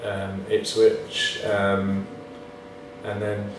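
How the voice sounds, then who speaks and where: A football player talks very slowly in a fairly low monotone, giving hesitant, low-key, self-deprecating replies in a casual interview. The echoey indoor room, distant microphone and faint noise are all audible.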